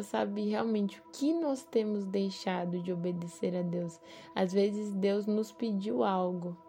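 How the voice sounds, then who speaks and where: Slow soft-spoken woman giving a devotional. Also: medium pitch, vocal fry. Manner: slow, soft, hesitant, with many pauses and fillers. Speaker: devotional speaker. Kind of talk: reading scripture then a short devotional reflection.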